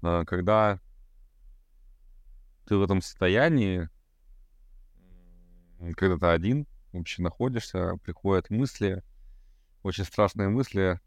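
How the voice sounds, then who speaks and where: A man's voice: low-pitched, a little slow, pauses often, dry recording, clean studio sound. A man in his thirties, a podcast guest talking casually and hesitantly, with many fillers. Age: 30s. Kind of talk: casual conversation.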